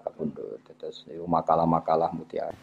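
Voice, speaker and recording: A man giving a religious lecture, unhurried and explanatory, checking with his listeners by asking them questions. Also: extremely low pitch, steady tone, vocal fry, darkish tone. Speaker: religious teacher. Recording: dull lo-fi recording with faint hiss.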